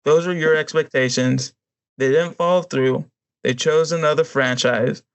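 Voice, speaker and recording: A man co-hosting a podcast rants casually among friends, blunt and emphatic in his opinions. His voice is fairly high, steady, clear and resonant, at normal speed.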